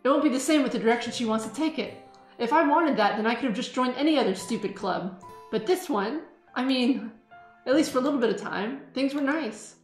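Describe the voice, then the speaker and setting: A woman's voice: high voice, fairly quick, close to an everyday voice. A woman voicing a blunt, defensive teenage schoolgirl in an amateur visual novel reading, emphatic and petulant. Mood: indignant, hurt. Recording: roomy sound, music behind.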